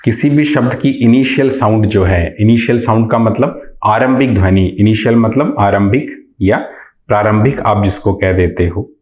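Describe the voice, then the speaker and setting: A man teaching English grammar in a slow, deliberate way, answering his own questions and repeating key terms. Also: lowish voice, darkish tone. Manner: asks questions and answers them himself. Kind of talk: explanatory lesson. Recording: echoey room.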